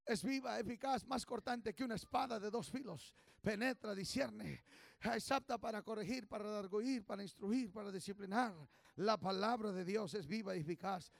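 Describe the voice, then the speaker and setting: A male pastor preaching a fervent sermon, swinging from low murmurs to shouts, leading call-and-response and slipping into English phrases. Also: moderate pace, gravelly, dry recording. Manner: call-and-response, urging the congregation to repeat. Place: church service.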